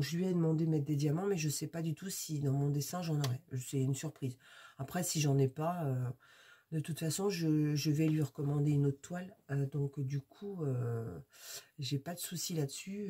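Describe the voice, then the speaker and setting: A woman's voice: low voice, moderate pace, dark tone, breathy edge. A woman from France, a crafts YouTuber, chatting casually and rambling through a product unboxing with many hesitations.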